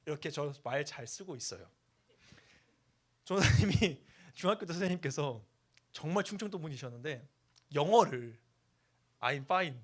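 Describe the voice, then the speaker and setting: A man's voice: fairly high pitch, a bit bright. Playful young man preaching to teens. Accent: Seoul Korean, with Chungcheong traces. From Chungcheong, Korea. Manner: playful, jokey, acts out quotes in dialect. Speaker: youth pastor. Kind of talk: youth sermon.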